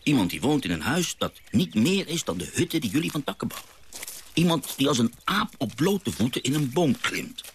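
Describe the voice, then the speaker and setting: An actor playing a gentle father and naturalist who tells stories of his sea voyage, in a radio drama. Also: medium pitch, big pitch swings, moderate pace, a little hiss or hum, natural voice. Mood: excited.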